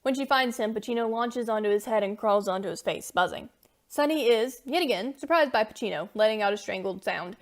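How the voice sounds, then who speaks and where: A woman narrating a scripted story in a brisk storytelling style. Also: on the high side.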